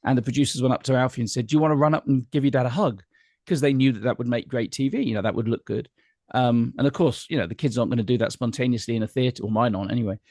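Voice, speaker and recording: A quick, chatty middle-aged man spins anecdotes as an interview guest. His voice sits at an ordinary pitch, and the sound is dry and close with hardly any room in it. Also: a little mellow, no echo. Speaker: guest entertainer. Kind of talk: casual interview chat.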